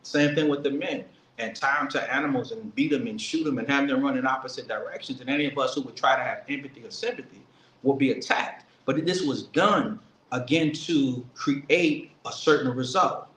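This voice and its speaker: A man giving an earnest political speech, emphatic and slowing down to stress key words. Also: medium pitch, a bit bright, slight background noise. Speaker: speaker at a commemoration event. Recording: echoey room with faint ambience.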